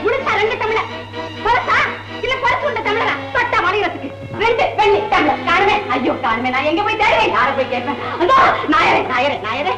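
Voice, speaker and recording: An actress playing a fussy comic housewife who wails and shrieks, on an old film soundtrack. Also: female voice, very high voice, expressive, a little fast, echoey room, over loud music, poor audio. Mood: lamenting. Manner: exaggerated wailing and shrieking. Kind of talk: 1960s Tamil film comedy acting.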